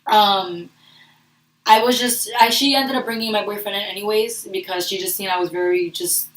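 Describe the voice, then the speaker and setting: A young woman telling a personal story in a vlog. She talks in a rushed, earnest way and often restarts her sentences. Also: medium pitch, fairly even intonation, a bit bright. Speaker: vlogger. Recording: roomy echo, distant from the mic.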